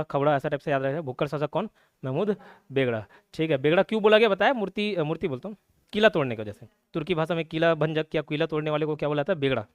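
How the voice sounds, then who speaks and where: A young man teaches an exam-prep class in with a tinge. His voice sits a little high for a man and is recorded close and dry. He chats casually, builds silly memory tricks and keeps asking whether it is clear. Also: dry recording. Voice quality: chatty, repeats check-ins like "okay" and "clear". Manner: playful mnemonics, laughs at own jokes.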